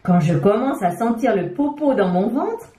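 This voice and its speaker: A woman's voice: expressive, normal speed, mellow, echoey room, lightly acted. A woman doing an eager little chick girl. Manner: high, eager childlike voice.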